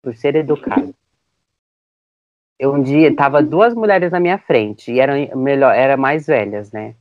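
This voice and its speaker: A teenage boy co-hosting a podcast, telling lively stories in casual chat and acting out the voices of people in them. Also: medium pitch, no echo, highs cut off. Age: teens. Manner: animated storyteller, acts out voices. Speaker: podcast co-host.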